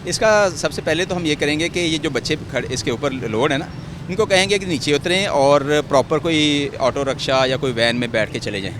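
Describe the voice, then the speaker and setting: A male traffic warden with a Pakistani Urdu accent explains things in a steady, measured way. His voice is somewhat high for a man, and clear street traffic noise runs under the recording. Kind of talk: official explaining on camera. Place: roadside outdoors in city traffic.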